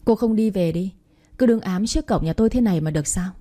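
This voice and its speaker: A woman's voice: mid-range voice, fast, dark tone, close to an everyday voice. A woman reading a storybook aloud and voicing a cold, scornful middle-aged mother who insults her son's pregnant girlfriend. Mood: contemptuous. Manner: mocking, dismissive.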